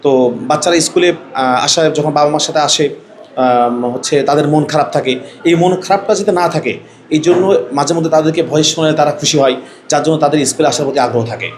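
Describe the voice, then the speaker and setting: A man's voice: on the high side, fairly quick, slight background noise. A man, a head teacher, answering an interview earnestly with frequent hesitations.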